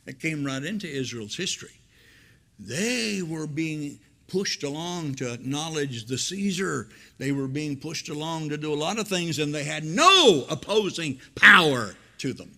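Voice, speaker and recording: An older man preaching a sermon from a church pulpit, swinging between loud emphatic lines and hushed, low asides. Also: lively intonation, measured pace. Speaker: pastor. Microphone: pulpit microphone.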